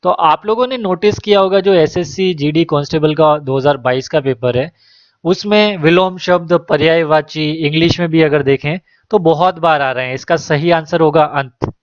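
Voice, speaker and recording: Male exam-prep teacher, fairly high voice, dry dull lo-fi sound, reads options then gives answers. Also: moderate pace, no room sound. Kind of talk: exam question walkthrough.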